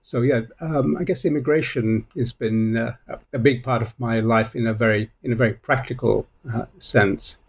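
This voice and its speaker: An older man in his sixties, originally from Malaysia, speaks as an academic guest. His voice is gravelly and husky, and he answers hesitantly, with many pauses and restarts. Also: medium pitch, fairly even intonation. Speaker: guest author, political scientist. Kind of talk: interview answers.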